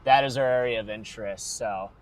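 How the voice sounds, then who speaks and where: A man's voice: mid-range voice, a little fast, poor audio. An American man chatting casually on a livestream as a storm chaser, talking from inside a vehicle. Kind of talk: casual livestream chat while storm chasing.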